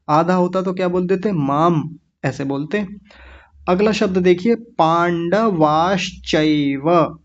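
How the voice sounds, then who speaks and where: A man teaching children how to pronounce Sanskrit words, patiently breaking each one into syllables and saying them very slowly. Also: sits high, a little mellow, dull audio. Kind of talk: online lesson for children.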